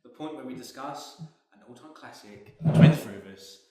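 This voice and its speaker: A man's voice: mid-range voice, fairly quick, dark tone. Chatty guy in an echoey room. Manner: chatty, laughs easily, leads the segments. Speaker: podcast co-host. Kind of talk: casual gaming chat.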